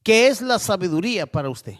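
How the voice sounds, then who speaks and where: A man preaching a sermon slowly and deliberately, often checking in with listeners with a questioning "¿sí?" and asking them to send in messages. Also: high voice, big pitch swings. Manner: slow, deliberate preaching with frequent rhetorical "¿sí?".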